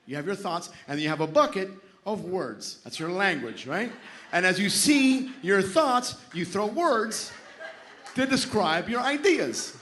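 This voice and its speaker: A man's voice: high-pitched, expressive, measured pace, sharp tone. A man with a Miami Cuban-American accent doing a stand-up set, switching between English and Spanish mid-sentence. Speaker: stand-up comedian. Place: comedy club stage.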